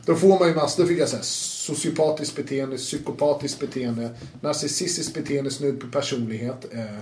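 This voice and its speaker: A man guest telling his own story in a casual, animated way, swearing now and then and acting out what others said. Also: medium pitch. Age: adult with children. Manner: animated, swears, acts out quotes, laughs often. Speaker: interview guest. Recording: roomy room with faint noise.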